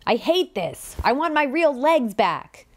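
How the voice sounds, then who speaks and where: A woman's voice: fairly low pitch, lively intonation, normal speed. A woman narrator voicing an exasperated old man relearning to walk, in an audiobook. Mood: upset.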